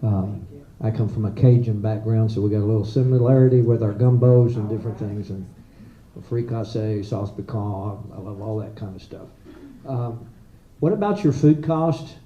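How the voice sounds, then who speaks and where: A man judging a pitch competition, asking a contestant friendly questions in a halting way with restarts. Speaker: competition judge. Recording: echoey hall, tinny phone-like sound.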